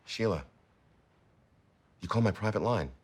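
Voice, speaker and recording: A man's voice: fairly low pitch, animated, moderate pace, a little mellow, breathy edge. An actor playing an anxious, fussy male law partner who gets flustered easily. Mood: irritated. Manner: flustered, voice jumping up when rattled.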